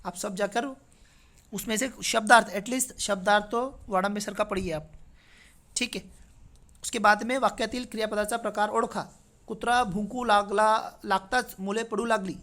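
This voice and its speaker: A man's voice: high voice, fairly even intonation, normal speed, pushed and bright. Male teacher, chatty. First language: Marathi. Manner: conversational, checks in with frequent tag questions. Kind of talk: exam paper walkthrough lesson.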